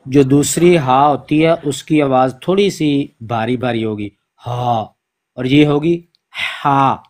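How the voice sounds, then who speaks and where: A man's voice: mid-range voice, a little mellow. Patient man teaching recitation sounds. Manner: slow, patient, demonstrates each letter sound by repeating it. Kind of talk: online pronunciation lesson.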